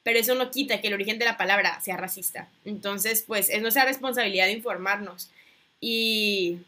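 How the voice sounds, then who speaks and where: A young adult woman co-hosting a podcast, speaking in a soft, thoughtful way in casual chat. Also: medium pitch, brisk.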